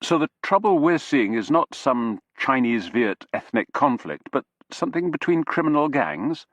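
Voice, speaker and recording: A man's voice: mid-range voice, very animated, moderate pace, fairly bright tone, no echo, pitched above the performer's own voice. Male narrator as an earnest police chief, inquiring, dull sound.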